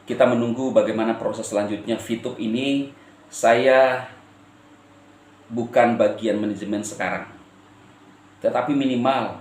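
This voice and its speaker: A man from eastern Indonesia addressing his viewers as a channel host, with a firm intonation that can sound stern even when he is calm. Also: mid-range voice, roomy sound. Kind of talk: direct-to-camera address to viewers.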